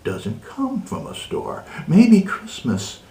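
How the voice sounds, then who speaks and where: A man voicing a sly, gleeful, scheming storybook monster in a theatrical, sneering, drawn-out way. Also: high voice, wildly swooping pitch, gravelly, warm tone, echoey room, pitched above the performer's own voice, full character voice. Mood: puzzled. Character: sly, gleeful, scheming Grinch who steals Christmas.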